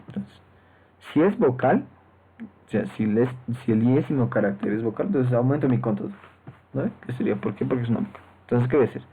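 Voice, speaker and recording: A man's voice: medium pitch, lively intonation, a little fast, slight background noise. A man teaching programming in a step-by-step lecture, often checking in with his students through short tag questions. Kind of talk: screen-recorded lecture. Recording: tinny lo-fi phone-like mic.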